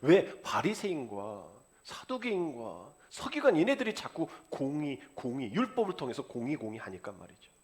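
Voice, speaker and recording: A male pastor preaching a sermon, acting out the characters' words in lively dialogue. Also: medium pitch, normal speed, hardly any pauses. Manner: animated preaching, acts out the father and son in dialogue.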